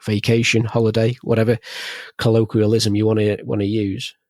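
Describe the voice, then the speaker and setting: A man's voice: on the low side, monotone, moderate pace, a little mellow, no room sound, studio quality. A man hosting a podcast interview, chatty and joking, telling anecdotes. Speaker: podcast host. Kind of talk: casual interview chat.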